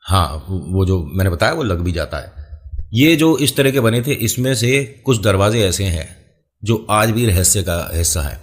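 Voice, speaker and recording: A man's voice: on the low side, expressive, a little slow. A man hosting a casual horror storytelling show, chatting straight to the listener with playful asides. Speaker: storyteller and channel host.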